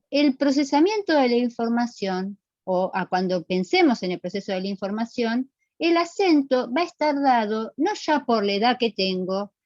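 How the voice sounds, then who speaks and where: A woman's voice: a little high, a little mellow, no room sound, lo-fi sound. A woman teaching an online class, explaining step by step and quizzing her students. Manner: explanatory, asks the class questions and repeats answers.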